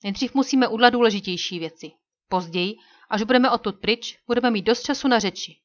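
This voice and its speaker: A woman's voice: a little high, dull audio, close to an everyday voice. A woman voicing a bold, commanding male frontier hero who gives firm orders.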